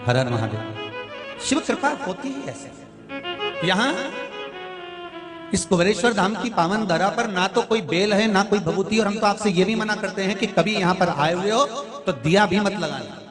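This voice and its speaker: A middle-aged man delivers a devotional sermon in a fairly high voice, urging his listeners on and repeating key phrases. Devotional music plays clearly behind him the whole time. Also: expressive, unhurried. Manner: exhorting, repeats phrases, breaks into song. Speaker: devotional preacher.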